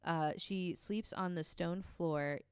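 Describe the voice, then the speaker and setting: A woman relaxes into telling a story to her fellow podcast co-hosts, chatty and casual, filling pauses with ums and swearing offhandedly. Her voice is smooth and slightly low, recorded dry and close to the mic.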